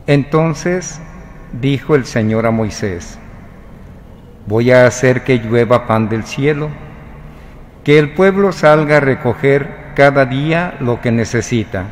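A man proclaiming a scripture reading at Mass in a slow, measured way, recorded in a cathedral. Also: mid-range voice, a little hiss or hum. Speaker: lector. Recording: reverberant cathedral broadcast.

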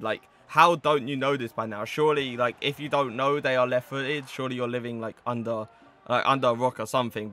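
A man's voice: medium pitch, bright, forceful tone. A man in his twenties giving casual gameplay commentary in a chatty, slangy way, with stock phrases he repeats. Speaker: gaming video host.

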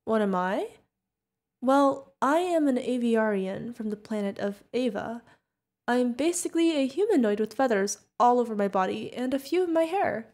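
In an ASMR roleplay, a woman voices a sweet, curious, friendly feathered alien bartender who chats directly to the listener. Her voice is a little high and a little mellow, expressive, at a moderate pace, and the mood is friendly and chatty.

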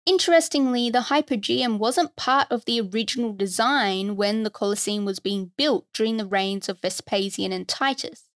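A woman with a fairly high voice reads a scripted history narration for her podcast. She keeps it conversational and slips in wry asides. The sound is dry and close, with no room around it. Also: normal speed, no echo. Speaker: podcast host.

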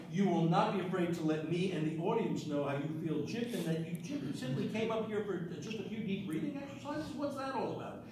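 A middle-aged man performs live stage hypnosis with a fairly high voice for a man. He gives commanding, deliberate suggestions and repeats his phrases. He is heard from a distance in a very echoey room. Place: medium-sized carpeted indoor meeting room. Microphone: distant camera across the room. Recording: roomy echo, distant camera mic, background noise.

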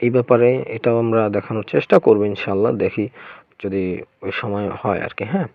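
A man's voice: on the low side, fairly even intonation, fast, no echo. Man teaching over tinny, phone-like audio. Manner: patient, methodical spelling-out drills, letter by letter. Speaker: Quran teacher. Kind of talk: online Quran reading lesson.

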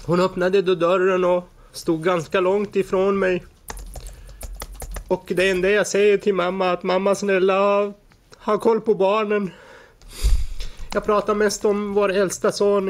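A man in his forties giving a halting personal account as a defendant in a courtroom, often stumbling and restarting words. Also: sits high. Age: 40s.

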